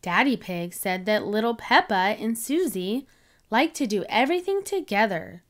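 A woman reading a children's picture book aloud in an expressive, animated way. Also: medium pitch, normal speed. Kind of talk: storybook read-aloud.

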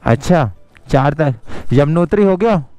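This travel vlogger, a man in his thirties, speaks in a slightly high, expressive voice at a moderate pace, mellow and dry in the recording. He addresses his viewers directly as friends while riding a motorbike on an outdoor mountain road, filmed by an action camera both bike-mounted and held at arm's length.

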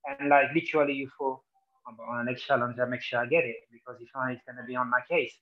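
Flat-voiced former footballer from Senegal. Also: male voice, medium pitch, quick pace, muffled recording. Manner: animated when quoting, repeats "literally" and "you know". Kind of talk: casual interview chat.

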